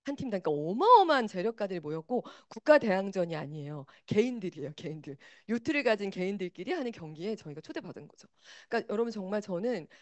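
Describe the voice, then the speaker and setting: Woman, motivational stage talk, lively swooping pitch, dry close sound, addresses the audience directly. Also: fast talker, dry recording. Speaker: speaker.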